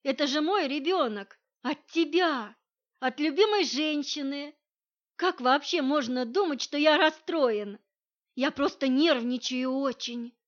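A woman's voice: high voice, measured pace. A woman reading the part of an anxious, overprotective young husband who insists stubbornly, in a dull lo-fi recording. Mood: earnest.

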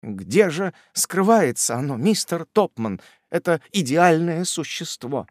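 A man's voice: a little high, sing-song, a little slow, dry recording, studio quality, pitched above the performer's own voice. A man voicing a shy, sentimental unmarried middle-aged aunt who speaks coyly, with a fluttering manner, in a storybook reading.

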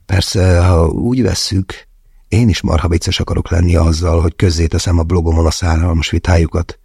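A man narrating a thriller audiobook in the first person with tense, measured delivery. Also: low voice, fairly even intonation, creaky, mellow, husky, no room sound, studio quality.

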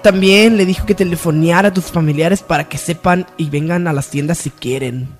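A woman playing a caring, outspoken young character, expressive and colloquial, in radio soap opera acting. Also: fairly low pitch, a little fast, music in the background, natural voice. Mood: concerned.

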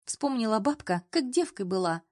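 A woman voicing a jealous young female colleague who is shrill and picks fights. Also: lively intonation, normal speed, a little mellow, no echo, studio quality. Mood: snapping. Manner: shrill, scandal-making.

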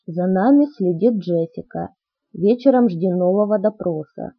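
A woman voicing a brooding, soft-spoken teenage boy in an audiobook, speaking in hushed, measured tones. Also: on the low side, slightly rough, lo-fi sound.

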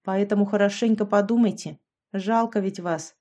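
A woman voicing a coolly mocking young man who speaks with icy calm. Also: mid-range voice, moderate pace, lightly acted.

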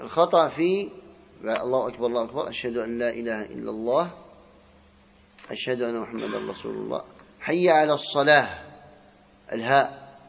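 A man's voice: mid-range voice, gravelly, husky. Lecturing male religious teacher, lo-fi sound. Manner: poses questions to the class and answers them himself; demonstrates right and wrong pronunciation aloud. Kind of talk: classroom lecture on a text. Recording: slightly dull lo-fi recording.

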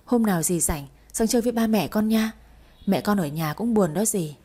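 A woman's voice: medium pitch, expressive, normal speed, mellow, slightly rough. A woman voicing an earnest, polite young man in a storybook reading.

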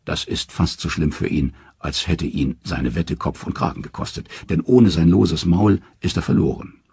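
A man narrating a myth for an audiobook in a dramatic, expressive way. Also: rumbling low, normal speed, vocal fry, breathy edge, dry recording, clean studio sound. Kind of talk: scripted storybook narration.

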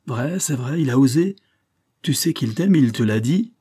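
A man's voice: mid-range voice, brisk, warm tone, slightly rough, pitched above the performer's own voice, close to an everyday voice. Man playing a furious, stern father. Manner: angry, demanding.

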